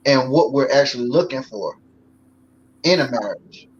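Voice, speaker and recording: This time the same forties-aged talk show guest sounds medium-pitched and expressive, moving at a moderate pace. His casual, folksy chat is packed with fillers, captured on slightly dull audio carrying a faint hiss.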